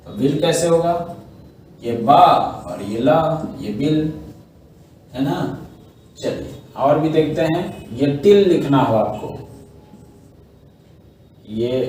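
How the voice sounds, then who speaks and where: A man's voice: on the high side, darkish tone, a little hiss or hum. A man teaching a shorthand class, explaining each step patiently and checking in with his students often. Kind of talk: online class lesson. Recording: echoey room, mic far off.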